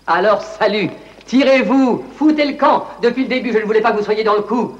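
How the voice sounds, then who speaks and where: Snobbish, impatient director, voiced by a man; high and curt, dull dubbed audio. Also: a little fast, lightly acted. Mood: bossy impatience. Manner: curt, bossy, scornful. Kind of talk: dubbed film dialogue. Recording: muffled film soundtrack with faint hiss.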